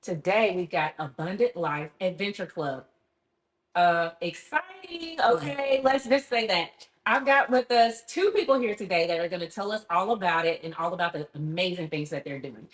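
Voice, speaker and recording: A woman hosting a casual interview, asking curious questions with quick affirmations. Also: on the low side, animated. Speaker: host.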